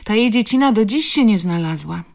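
A woman's voice: medium pitch, lively intonation, fairly quick, gravelly, pitched above the performer's own voice. A woman reading the part of a nosy village woman who asks questions and sighs over a neighbour's misfortune. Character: curious gossiping village shopper.

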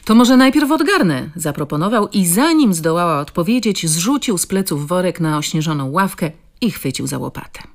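A woman reading a novel aloud in scripted narration. Her voice sits very low with a gravelly fry, and she keeps a measured, steady pace. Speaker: audiobook narrator.

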